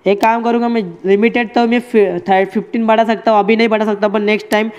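Male streamer, casual running commentary to chat, muffled low-fi sound. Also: level tone, fast, a little mellow, smooth. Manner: chatty, addresses chat and friends as bhai. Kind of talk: casual live game commentary.

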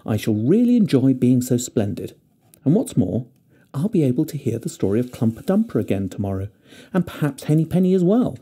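A man voicing an anxious young fir tree full of longing, asking eager questions that rise in pitch. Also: sing-song, a little fast, dark tone, breathy edge.

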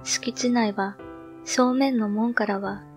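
A woman reading a horror story aloud in a calm, measured, hushed manner. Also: a little high, faint music behind. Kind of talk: scripted horror narration.

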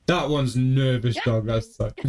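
Lively British man reacting to videos. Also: mid-range voice, slow, background noise. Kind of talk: casual reaction commentary. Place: small home room, indoors. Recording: music under the voice.

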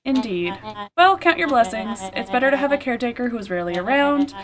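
A woman's voice: fairly high pitch, lively intonation, fast, a crowd in the background, natural voice. A woman voicing a snooty, haughty young rich male animal heir with pompous, formal diction for a game. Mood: haughty, dismissive.

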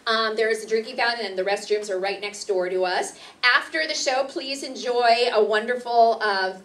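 With a slightly high, fairly bright tone and an ordinary pace, a woman serving as event host and acting instructor delivers welcoming announcements to a live crowd. The setting is an indoor meeting room stage, recorded through a far camera mic that picks up clear background noise.

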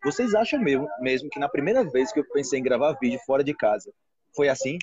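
A Brazilian man teaching Portuguese on a live stream from a restaurant, chatting in an animated way and acting out other people's voices. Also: mid-range voice, fast, slightly rough, no echo, lo-fi sound. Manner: animated, acts out quoted voices. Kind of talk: casual live chat.

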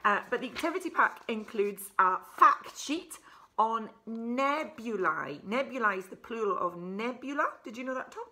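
A Scottish woman in her forties, an author presenting her children's book, chats in a furnished living room, explaining things simply and adding asides. Her voice sits on the high side and sounds expressive, pushed and bright at a normal speed.

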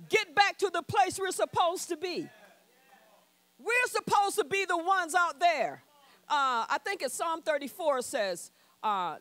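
A woman pastor delivers a bold, call-and-response sermon in a church. Her voice sits high and swings widely in pitch, with a bright, forceful edge. The sound is dry and close to the mic. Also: no room sound. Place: church sanctuary.

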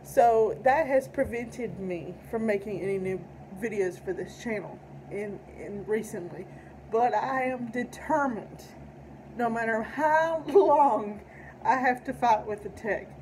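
Middle-aged female vlogger, Appalachian accent, carefully enunciated casual talk, somewhat high, recorded at home with slight noise. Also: a little slow, a little mellow, poor audio. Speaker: video channel host and poet. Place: indoor room at home.

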